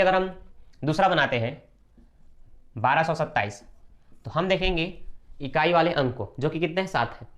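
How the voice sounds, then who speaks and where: Fast-talking man teaching math. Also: on the high side, fairly bright tone. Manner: brisk, repetitive, often checks "simple" and "okay". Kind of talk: step-by-step classroom math lesson.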